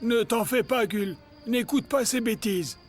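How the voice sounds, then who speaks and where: High-pitched, kindly young cartoon fisher. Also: male voice, a little slow, soft background music. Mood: reassuring. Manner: calm, reassuring. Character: patient, kindly young male friend and fisher. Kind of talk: French children's cartoon dubbing.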